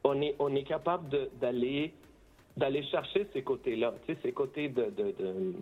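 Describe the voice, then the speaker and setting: A man's voice: mid-range voice, moderate pace, muffled recording. A man who grew up in Costa Rica, a band member giving a casual radio interview, hesitant, with many restarts, moving between French and Spanish.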